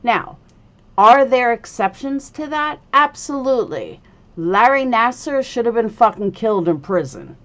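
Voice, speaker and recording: A woman's voice: fairly high pitch, very animated, unhurried. A woman hosting a casual livestream commentary, speaking bluntly with a slight lisp from a retainer in her mouth. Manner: blunt, opinionated, profane. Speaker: livestream host.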